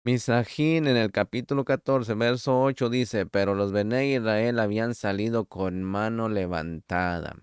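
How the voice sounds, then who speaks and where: A man with a low, very clear and smooth voice gives a sermon-style scripture lesson. He speaks slowly and deliberately, reads out verses, and turns to the listener as his beloved. The sound is dry and close, with no room echo. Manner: slow, deliberate teaching with scripture quotes; addresses listener directly as beloved. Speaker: preacher. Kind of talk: Torah study sermon.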